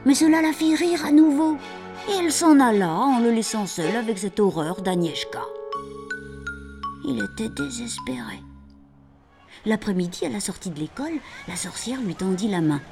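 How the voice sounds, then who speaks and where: A woman narrating a children's story in an expressive, lively reading voice. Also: mid-range voice, normal speed, music in the background.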